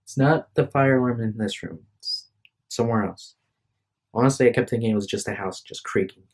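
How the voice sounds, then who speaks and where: A tired young man with a medium-pitched voice talks a little fast as he records a casual, rambling vlog on his phone in a room at home. He's hesitant and apologetic to the camera, and he keeps restarting his sentences.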